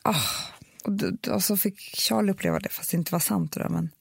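A mother in a casual, emotional conversation, talking haltingly and repeating words when she gets upset. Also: mid-range voice, gravelly, a little mellow, slightly rough, no room sound. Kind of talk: casual chat.

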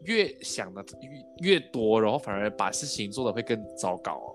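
Chatty and casual, this Malaysian Mandarin-accented man hosts a podcast interview, slipping English words into his Mandarin. He speaks fairly quickly in a fairly low, sing-song voice over background music.

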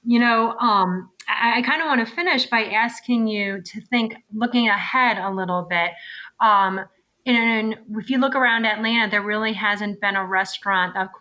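Lady interviewer, friendly, asks her questions slow and careful. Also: fairly high pitch, sharp tone, rough recording.

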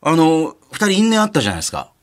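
A man co-hosting a radio talk show, telling stories in a lively way with many fillers. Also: a little high, very fast. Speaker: radio co-host, announcer.

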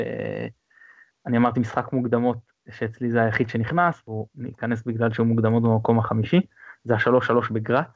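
A man chats on a podcast in an excited, rambling way, often stumbling and restarting his sentences. His voice sits at an everyday middle pitch. The sound is dry and a bit muffled, like a lo-fi home recording. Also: no room sound. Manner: excited storytelling with many restarts. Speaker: podcast co-host. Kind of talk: casual sports chat. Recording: dull lo-fi sound.

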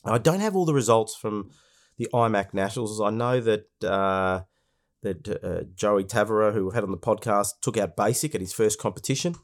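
A man's voice: on the low side, moderate pace. A man with an Australian accent, hosting a podcast in a casual monologue while congested with a cold. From Melbourne, Australia. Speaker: podcast host.

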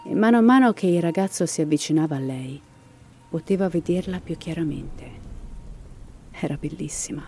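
Brief: lowish female storyteller, dramatic horror narration with dry humor, faint hiss. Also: mellow. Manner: dramatic, sardonic asides. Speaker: storyteller and host. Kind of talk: scripted horror narration with comic banter.

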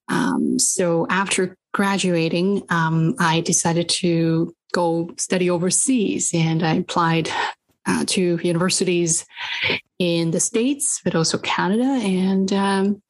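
Woman, podcast guest, fairly low voice, measured, frequent pauses. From Beijing, China. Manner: measured, pausing often with ums. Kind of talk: conversational interview answers.

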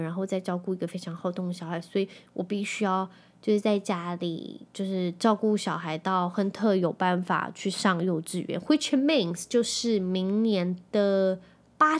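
A woman in her thirties with a Taiwanese Mandarin accent, hosting a podcast in a chatty, animated way and dropping in English phrases. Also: fairly low pitch. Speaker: podcast host. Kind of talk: casual chat.

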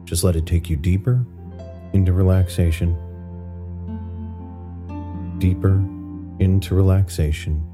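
Male sleep-story narrator for guided meditation, low and soothing, over prominent new-age guitar music. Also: little pitch movement, a little slow, pauses often.

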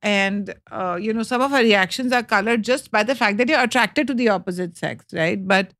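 A woman's voice: mid-range voice, moderate pace, a bit bright, dry recording. A middle-aged woman, co-hosting a casual chat about films and acting out quotes and sounds. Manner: chatty, acts out quotes and sounds. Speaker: co-host.

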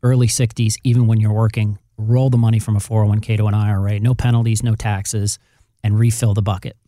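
On a radio show, a man acting as a financial advisor explains things conversationally, speaking straight to the listener with emphasis. His lowish, dark voice stays level in tone and fairly quick. The studio-quality audio has no echo.

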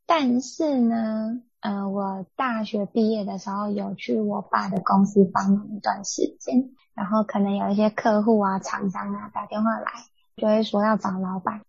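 A young woman co-hosting a podcast, telling a family story in an animated, indignant way. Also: mid-range voice, moderate pace, gravelly, husky, no room sound. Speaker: podcast co-host. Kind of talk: casual storytelling chat. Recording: dull lo-fi dry sound.

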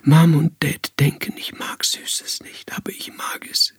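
A timid, ashamed young woman, voiced by a man, in a breathless whispered role-play. Her whisper is husky and climbs high. The sound is dry and close. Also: little pitch movement, unhurried, dry recording. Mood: confessing.

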